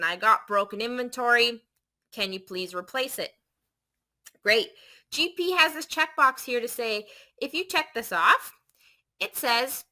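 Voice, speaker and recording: Bright-voiced woman teaching software. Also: a little high. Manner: chatty, voices the viewer's imagined questions and checks in with frequent "okay?". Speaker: software trainer. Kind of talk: screen-share software tutorial.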